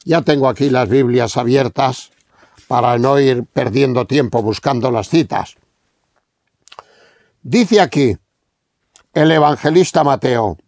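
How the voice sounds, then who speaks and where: Slow, gravelly Spanish preacher man. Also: medium pitch, a little mellow, dry recording. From Spain. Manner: slow, emphatic Bible reading with rhetorical questions. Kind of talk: sermon.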